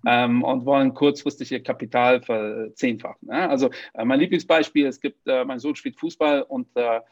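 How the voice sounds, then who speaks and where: Joking Portuguese-born podcast host. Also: male voice, medium pitch, moderate pace, no room sound, muffled recording. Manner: joking, lively storytelling with many fillers. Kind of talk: casual interview chat.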